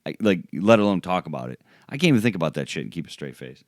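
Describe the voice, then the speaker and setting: A man's voice: low voice, sing-song, fast, no echo, studio quality. A man co-hosting a casual podcast chat, laid-back and laughing often, slipping into quoted voices. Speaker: podcast co-host.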